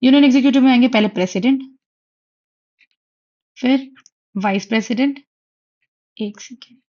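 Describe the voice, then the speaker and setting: Young woman, exam prep teacher, high-ish voice, chatty, reassuring, slightly dull recording. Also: normal speed, mellow. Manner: chatty, reassuring, asks "theek hai?" often. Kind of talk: online lecture in Hindi-English mix. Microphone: writing on a tablet while teaching.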